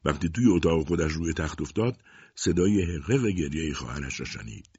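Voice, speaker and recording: A very low, husky male voice reading a story aloud, with a lively, wide-ranging delivery. The sound is dry and close, on a dull lo-fi recording. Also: no room sound. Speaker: narrator. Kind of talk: audiobook story narration.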